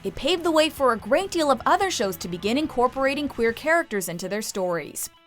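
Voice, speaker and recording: A woman's voice: sits high, sing-song, fairly quick, soft background music. A woman reading scripted narration as the narrator of a countdown video.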